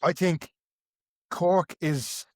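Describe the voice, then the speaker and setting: Irish guy, higher voice, quick relaxed chat, dry close mic. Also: dry recording. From Ireland. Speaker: podcast co-host. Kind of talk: casual chat.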